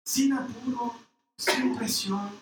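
A preacher telling a story in a lively, playful way, with acted voices. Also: medium pitch, slow. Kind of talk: sermon with humorous storytelling. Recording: echoey hall, distant mic, noise.

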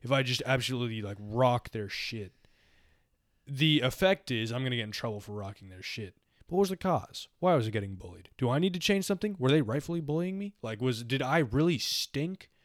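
Young male podcast co-host, casual and reflective, middle pitch, dry sound. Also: animated, brisk, no room sound. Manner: rambling, reflective, heavy use of "like". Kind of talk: casual philosophical chat.

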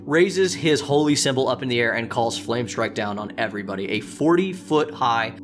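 A man's voice: medium pitch, expressive, moderate pace, over music. A man narrating a tabletop game as game master in a casual, improvised way.

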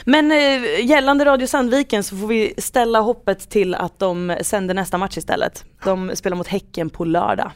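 A woman's voice: medium pitch, few pauses, dry recording. A woman hosting a football podcast, talking casually as she guides listeners through the show. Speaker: podcast host.

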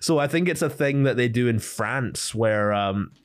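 A man's voice: medium pitch, animated, normal speed. A man co-hosting a podcast, chatting casually and joking with frequent laughs. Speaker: podcast co-host. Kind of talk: casual chat.

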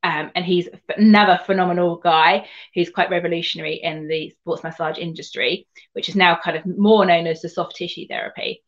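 Speaking a little fast with a steady tone, this Surrey woman, an equine sports massage therapist appearing as an interview guest, recounts her story in a chatty, meandering way, often rewording herself. Her voice sits fairly low and carries a southern English home counties accent, though the highs are cut off in the recording.

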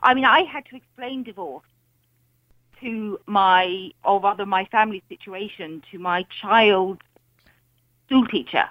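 A woman's voice: medium pitch, a little slow, dry recording. A middle-aged woman with an English accent chatting casually as a caller to a radio phone-in. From England. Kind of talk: casual conversational anecdote. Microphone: telephone. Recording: dull lo-fi phone-in line.

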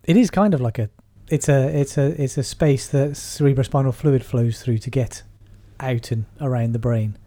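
Mellow male co-host, explains clearly with a light playful touch. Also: medium pitch, normal speed, hardly any pauses. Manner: playful, explains terms plainly. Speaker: podcast co-host, clinician. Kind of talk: casual educational chat.

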